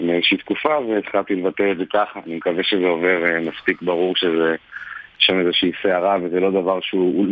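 A man with a very low voice talks about his music on the radio, pausing often to find his words. The studio is dry and close. The broadcast sound is a little dull. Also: no room sound. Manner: thoughtful, searching for words with many fillers. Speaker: jazz musician guest. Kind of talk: radio interview.

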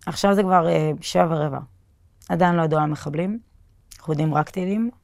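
A woman's voice: deep voice, gravelly, a little mellow, no room sound, studio quality. A young woman telling her own story in a casual, spoken way, with fillers and restarts, acting out the lines she and others said. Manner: plain storytelling with many fillers and restarts, quoting herself and others. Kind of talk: casual spoken personal account.

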